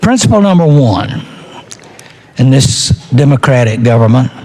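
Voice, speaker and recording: A man delivering a political floor speech as a legislator, arguing point by point in a deliberate way with rhetorical questions and repetition. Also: mid-range voice, big pitch swings, darkish tone, low-quality recording.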